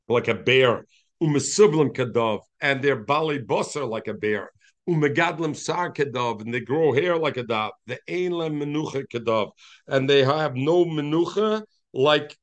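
Animated Yeshivish-accented man teaching Talmud. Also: mid-range voice. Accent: Yiddish-inflected Yeshivish English. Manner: animated, mixes Aramaic and Yiddish, addresses students by name. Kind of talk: daily Talmud class.

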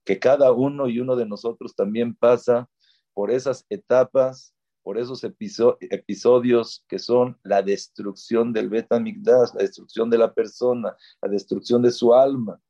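A man's voice: mid-range voice, steady tone, moderate pace, dark tone. A man teaching a religious lecture, stressing his points by repeating key words. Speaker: Torah teacher. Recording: dull lo-fi recording.

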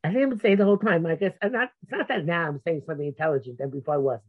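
A man's voice: a little high, very fast. Insistent man, phone-like sound. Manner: insistent, argumentative, stammering restarts. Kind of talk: religious debate, conversational. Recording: muffled, narrow phone-like sound.

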